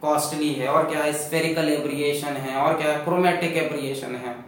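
A man teaching a physics lecture, lively and full of rhetorical questions, mixing English terms into his explanation. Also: fairly high pitch, a little fast, a little hiss or hum. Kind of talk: classroom lecture. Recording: echoey classroom from far off.

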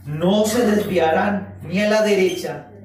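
A man preaching a sermon, animated, acting out quoted voices and drawing out phrases for emphasis. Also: high-pitched, slow pace, slight background noise. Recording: echoey room, voice from far off the mic.

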